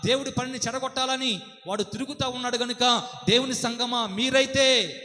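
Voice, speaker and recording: A man's voice: very high voice, steady tone, normal speed, sharp tone. A man preaching a sermon with a Telugu accent, fervent and asking the congregation question after question. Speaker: pastor. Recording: long hall reverb.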